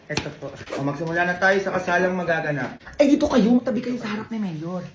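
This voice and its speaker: A woman's voice: fairly low pitch, brisk. Woman acting out comedy skits, roomy sound. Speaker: comedy sketch performer. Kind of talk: skit comedy acting many characters.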